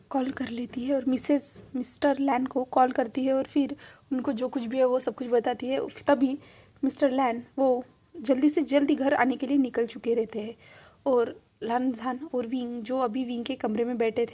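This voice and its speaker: A woman's voice: on the high side, warm tone. A woman casually retelling a romance story, chatty and repetitive, fond of its characters.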